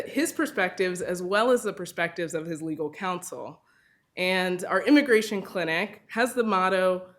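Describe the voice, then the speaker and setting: A woman's voice: on the low side, fairly bright tone. A woman moderator giving formal opening remarks at an event, upbeat and scripted with a few uh fillers.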